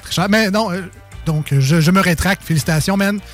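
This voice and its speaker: A man's voice: high-pitched, fairly quick, faint music behind. A man with a Quebec French accent hosting a radio game show, playful and teasing, laughing often in casual banter.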